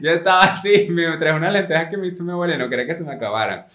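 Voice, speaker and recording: A man's voice: fairly high pitch, racing, fairly bright tone, roomy sound. A man co-hosting a podcast, chatting casually in an easygoing way, laughing often and restarting his phrases. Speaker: podcast co-host. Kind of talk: casual chat.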